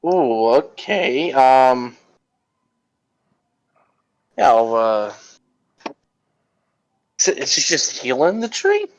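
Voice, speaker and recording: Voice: mid-range voice, big pitch swings, drawn-out words, pauses often, poor audio. A tabletop game player chatting casually, hesitant and bemused, feeling out what to say in character. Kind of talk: casual chat.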